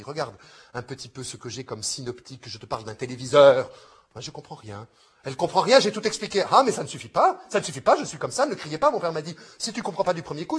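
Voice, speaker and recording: A man's voice: a little high, fairly bright tone. A man reading short comic plays aloud, taking on every part himself and switching between character voices.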